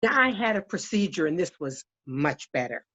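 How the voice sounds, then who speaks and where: An actress playing a sincere, halting nursing-home resident. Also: female voice, on the low side, sing-song, a bit bright.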